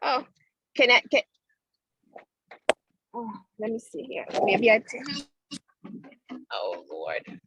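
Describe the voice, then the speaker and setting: A woman calling in by phone from outdoors, testifying at a hearing in a hesitant, halting way as the line crackles and fades in and out. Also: on the high side, wildly swooping pitch, a bit bright. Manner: hesitant, halting, many restarts. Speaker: property owner appealing a violation. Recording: dry, muffled phone line.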